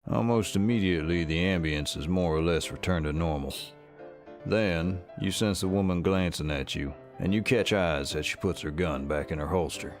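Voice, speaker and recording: A western game, very deep. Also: male voice, normal speed, faint music behind. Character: calm male storybook narrator of a western, adult. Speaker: game narrator. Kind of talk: second-person scripted narration.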